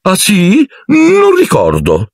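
Guy putting on a squeaky flustered wizard showoff, stammers, husky underneath. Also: huge pitch swings, takes it slowly, no room sound, clean studio sound, full character voice. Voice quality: high stammering bluster. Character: vain cowardly male wizard teacher, flustered.

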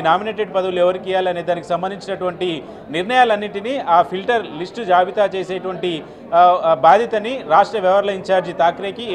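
A man in his thirties giving a live news report outdoors into a handheld mic, steady, with filler sounds between phrases. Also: high-pitched. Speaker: field reporter. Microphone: handheld channel mic.

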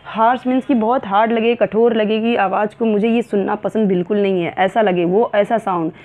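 A woman teacher explaining a science textbook lesson, reading English lines slowly and then explaining them in Hindi with frequent fillers. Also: medium pitch, steady tone, darkish tone. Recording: phone-like narrow sound.

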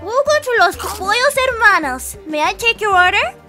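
A woman's voice: very high-pitched, big pitch swings, moderate pace, over loud music. A woman voicing a shy, timid young woman working a drive-thru, heard through the drive-thru speaker and speaking hesitantly with stammers.

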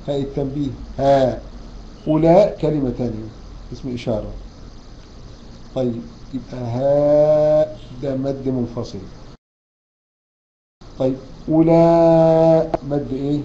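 Very dark-voiced Egyptian man teaching recitation. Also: mid-range voice. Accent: Egyptian Arabic. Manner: poses quiz questions to students and answers them; recites verse words slowly and drawn out. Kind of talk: online tajweed lecture. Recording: dull lo-fi online class recording, faint hiss.

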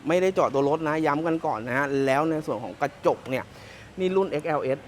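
A man's voice: a little high, animated, fast talker, slight background noise. A man from Thailand giving a casual, joking walkaround of a pickup truck as a car salesman, often repeating himself. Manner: chatty and joking, repeats phrases.

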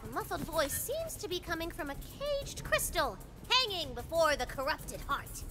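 A female game narrator who announces events plainly. Her voice is very high and lively. Loud game music plays behind her. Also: moderate pace.

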